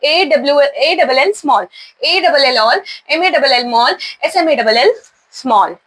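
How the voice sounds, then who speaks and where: A woman's voice: sits high, animated, slow, a bit bright. A woman with an Indian accent teaching English pronunciation, spelling each word out letter by letter and then saying it, repeating words as a drill.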